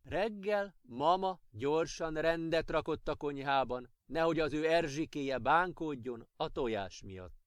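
A man reads a children's storybook aloud with expressive, lively storytelling. His voice is smooth and resonant, sitting a touch high, and the sound is close and dry. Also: few pauses, no room sound. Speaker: audiobook narrator.

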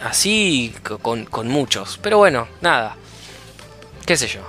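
A man with an Argentine accent chatting casually on a podcast, animated and acting out arguments. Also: mid-range voice, a little slow, soft background music. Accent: Argentine Spanish. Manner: animated, acts out phone arguments in different voices. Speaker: podcast co-host. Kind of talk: casual chat.

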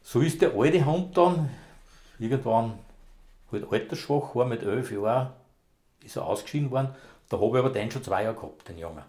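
A man's voice: mid-range voice, animated, normal speed, dark tone. A man, a former rescue dog handler, telling long rambling anecdotes in broad dialect in a casual interview.

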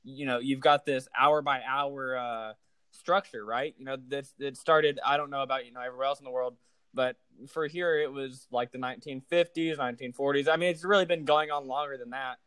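A man's voice: mid-range voice, fairly even intonation, fairly quick, a bit bright, clear, resonant tone, no room sound. A man of twenty hosting a podcast, talking loosely and swearing often, with lots of fillers. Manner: loose and profane, with many fillers. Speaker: podcast host. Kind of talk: casual chat.

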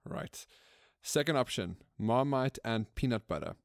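A man's voice: medium pitch, animated, a little slow, dry recording, clean studio sound. A man with a South African accent co-hosting a podcast, joking and laughing between his lines. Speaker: podcast co-host. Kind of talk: casual podcast interview.

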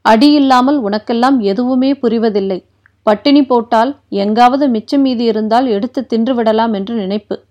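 A woman's voice: a little high, normal speed, close to an everyday voice. A woman reading as a harsh palace overseer. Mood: stern. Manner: scolding, loud. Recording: dull lo-fi recording.

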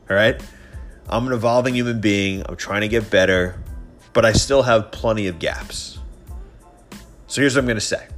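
Fairly low yet a bit bright, this voice belongs to a man in his thirties hosting a one-man podcast on opinion and sports. He sounds stuffed up and nasal from a cold, nose seemingly pinched, and his throat is a little scratchy.

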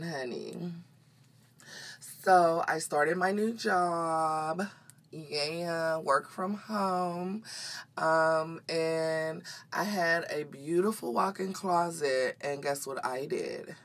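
A woman with a low voice that carries a slight morning rasp. She hosts a solo podcast in a loose, chatty style. Her delivery is sassy and unfiltered, with plenty of swearing and familiar pet names. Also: slow. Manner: sassy, profane, unfiltered, says "honey" often. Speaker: podcast host. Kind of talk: casual chat, solo podcast. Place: walk-in closet at home.

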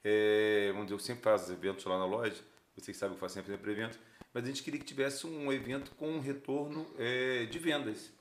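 A man hosting a casual podcast chat, speaking in halting phrases that he often restarts. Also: mid-range voice, fairly even intonation, a little hiss or hum. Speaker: podcast host, store owner. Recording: roomy, echoey room sound.

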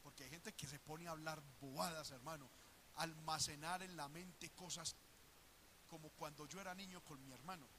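A male preacher delivering a sermon, animated, calling listeners brother and acting out voices. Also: fairly high pitch, moderate pace, noisy background.

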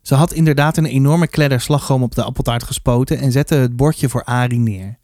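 A man reading a children's book aloud, telling it in a lively first-person voice. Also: medium pitch, fairly quick, dry recording, clean studio sound. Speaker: storybook reader.

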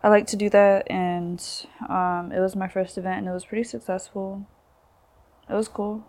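Laid-back young woman, gravelly voice. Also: mid-range voice, level tone, normal speed, darkish tone. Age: 20s. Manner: laid-back, lots of filler words. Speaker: guest, visual artist. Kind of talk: casual interview chat. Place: bedroom.

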